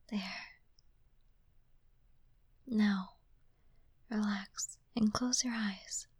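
Gentle young princess, future queen, whispered by a woman: breathy, very slow, soothing, dry close sound. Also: mid-range voice, no room sound. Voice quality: soft unvoiced whisper. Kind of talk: whispered ASMR roleplay.

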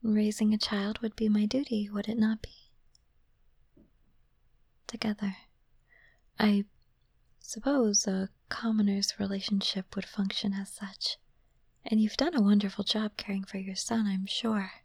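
A woman voicing a gentle, caring young princess and future queen, speaking in a slow, soothing whisper close to the microphone. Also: medium pitch, level tone, vocal fry, slightly rough, no echo. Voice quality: soft unvoiced whisper. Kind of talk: whispered ASMR roleplay.

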